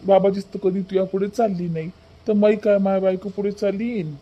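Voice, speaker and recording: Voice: medium pitch, little pitch movement, a little fast, dull audio, slight background noise, close to an everyday voice. A performer voicing a meek, office-working son in a cartoon. He speaks with a Vidarbha Marathi accent and a plaintive, whining way of explaining himself. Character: mild office-working son, meek before his mother and wife.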